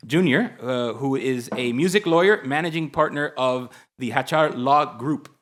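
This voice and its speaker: Mid-pitched man hosting a conference panel, upbeat and playful in his intros. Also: normal speed, fairly bright tone, slight background noise. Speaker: panel moderator. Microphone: shared handheld mic.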